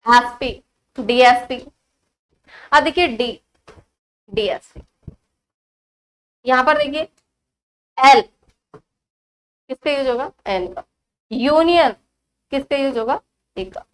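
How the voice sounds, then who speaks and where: A woman with an Indian accent teaching an online grammar lesson. She asks her students questions and answers them herself, repeating key words slowly as a drill. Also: sits high, a bit bright, clear, resonant tone, rough recording.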